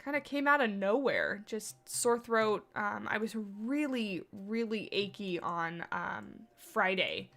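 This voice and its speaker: A woman streams a game live from her home office, chatting casually with her live chat, rambling a bit and poking fun at herself while a cold leaves her slightly stuffed up. Her mid-range voice is slow and a touch bright, with vocal fry and few pauses.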